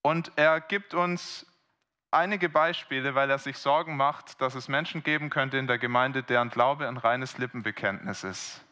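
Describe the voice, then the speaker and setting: A man's voice: mid-range voice, moderate pace, sharp tone. A man preaching a sermon, explaining a Bible passage earnestly and asking the congregation rhetorical questions.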